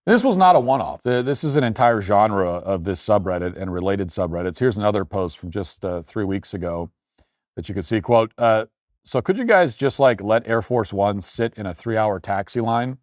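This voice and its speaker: An American political commentary host delivers an argumentative opinion monologue, reading posts aloud and hammering points with rhetorical questions. His lowish voice is expressive and at normal speed, in a dry, clean studio recording.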